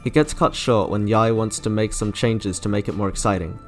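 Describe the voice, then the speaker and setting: This man's voice sits on the low side and moves at a moderate pace. He is the host of a video reviewing game character trailers, delivering scripted lines over background music.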